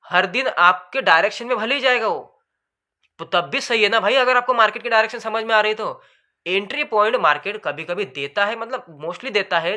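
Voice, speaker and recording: Fast-talking man teaching chart trading. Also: high voice, pushed and bright. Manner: fast, talks continuously without pause; addresses viewers as bhai sahab. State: dry throat. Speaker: trading educator. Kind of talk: screen-share chart lesson.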